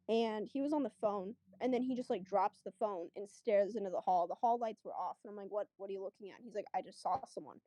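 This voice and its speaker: A woman guest with a mellow, darker voice tells her story in an easy, rambling way. She fills it with "like" and "I'm like" and acts out the quotes. The sound is close and dry. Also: mid-range voice, dry recording. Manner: chatty, lots of fillers, acts out quotes. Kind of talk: casual storytelling.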